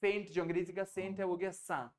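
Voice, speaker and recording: Guy teaching french online, bit high voice, patient explaining, switches between hindi and english. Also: steady tone, a little mellow. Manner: explains slowly, mixing Hindi and English, coaxes students to repeat. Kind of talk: online class teaching pronunciation.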